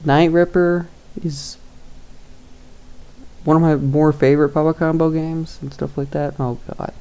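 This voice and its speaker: A man's voice: fairly high pitch, level tone, unhurried, a little mellow, clear, resonant tone. A young man giving casual tier-list commentary, rambling and hesitant with lots of fillers and chuckles. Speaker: YouTuber ranking games.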